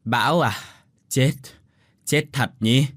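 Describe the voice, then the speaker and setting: A man voicing a frail, half-deaf, hunched very old village woman who speaks slowly and haltingly in an audio story. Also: mid-range voice, a bit bright, no room sound, studio quality. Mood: confused. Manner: slow, faltering, confused.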